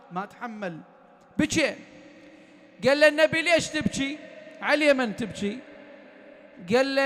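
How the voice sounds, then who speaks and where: This man preaches with an Iraqi Arabic accent in an extremely high, somewhat bright voice, narrating stories and asking rhetorical questions during a sermon at a mourning gathering held in a private home. The audio has slight background noise and long reverb like a hall.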